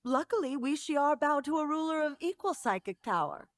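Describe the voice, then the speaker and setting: An actress playing a scornful, scheming alien royal in an animated series, imperious and biting. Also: female voice, high voice, normal speed, no room sound, studio quality. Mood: commanding.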